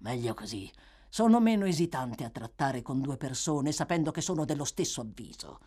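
A woman reading an audiobook voices a grim, suspicious man who speaks gruffly and hoarsely, wary of those around him. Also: rumbling low, animated, normal speed, dark tone, exaggerated voice.

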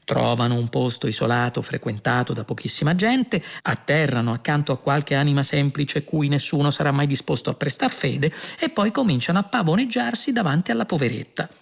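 A man's voice: on the high side, lively intonation, fairly quick, gravelly, few pauses. Ford, a man doing a smug cheerful alien. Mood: amused. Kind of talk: audiobook character voice.

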